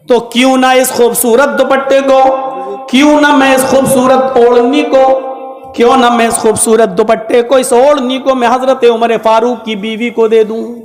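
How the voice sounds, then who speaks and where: A man from Uttar Pradesh, India, preaching a dramatic, moralizing story sermon at a religious gathering and speaking straight to the crowd. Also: very high voice. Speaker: maulana, preacher. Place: large gathering hall. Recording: echoey hall with long reverb.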